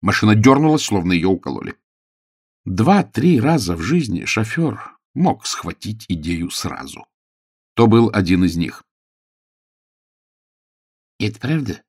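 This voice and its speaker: A man narrating an audiobook with expressive storytelling. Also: on the low side, a little slow, slightly rough, no echo, studio quality.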